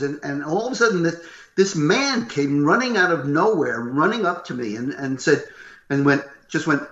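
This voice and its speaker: An older man with a loud, gruff voice, telling animated stories as a voice actor being interviewed. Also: fairly high pitch. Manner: animated, acts out what others said. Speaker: voice actor guest. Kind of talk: interview storytelling. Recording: roomy, slightly dull recording.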